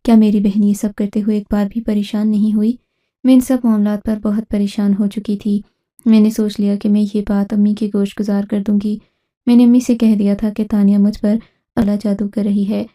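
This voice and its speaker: Speaking steadily in a medium register, a woman relates a dramatic family story about herself. The narration has a polished, pre-written storytelling quality.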